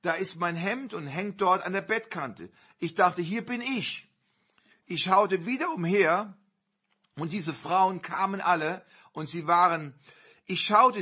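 A man preaching a sermon, telling a personal story earnestly with sudden loud surges. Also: high-pitched, a little slow, slightly rough.

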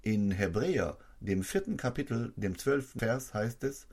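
A male preacher giving an emphatic sermon, his voice climbing sharply in pitch and loudness to drive points home. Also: expressive, normal speed, slightly rough.

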